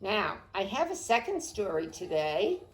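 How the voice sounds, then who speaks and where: A woman librarian reading a picture book aloud to children, expressive and unhurried, praising the kids by name. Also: mid-range voice. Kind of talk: storytime read-aloud. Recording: roomy echo.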